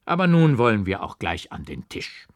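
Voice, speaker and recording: A man's voice: on the low side, normal speed, no room sound. A man doing a stern pious old forester. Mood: calm fatherly. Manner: stern and scolding, then calm and fatherly. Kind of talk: dramatic audiobook reading.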